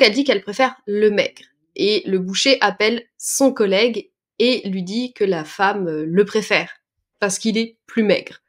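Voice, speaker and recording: A woman teaching a French lesson, patiently explaining words and expressions step by step, with small hesitations as she goes. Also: mid-range voice. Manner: patient, breaks words down slowly with fillers.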